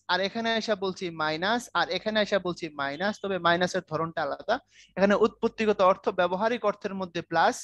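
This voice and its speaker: A man's voice: high-pitched, a bit bright, dry recording. A man giving an online Bangla grammar lesson. His voice is close and dry, with no room sound behind it. He jokes easily and keeps stopping to ask whether the class is following. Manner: joking, keeps checking students follow. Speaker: Bangla language teacher.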